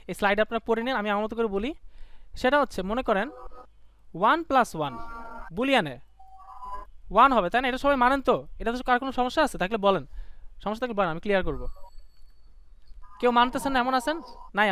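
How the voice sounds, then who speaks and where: A young man, teaching a live online class in a quick, colloquial way and quizzing his students. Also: very high-pitched, expressive, pushed and bright, clear, resonant tone. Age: young adult. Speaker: online tutor.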